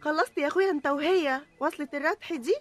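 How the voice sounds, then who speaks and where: A woman's voice: high-pitched, fast talker, close to an everyday voice. A woman voicing a sassy, streetwise ration card. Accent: Egyptian. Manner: sassy, scolding.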